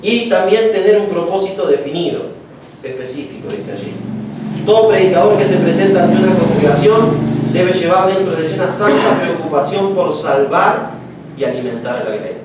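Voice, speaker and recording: A man's voice: high voice, normal speed, very noisy. A man teaching a homiletics class in a chatty, joking way, acting out little stories. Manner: chatty, joking, acts out anecdotes. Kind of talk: casual classroom lecture. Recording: echoey room from far off.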